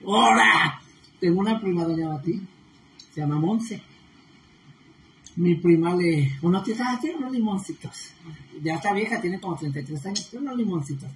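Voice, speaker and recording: A woman's voice: on the low side, animated, moderate pace, long pauses. A woman hosting a casual livestream, reading viewer comments and chatting with a laugh in her voice. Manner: chatty, laughing often, gossipy. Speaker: livestream host. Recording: echoey room with faint noise.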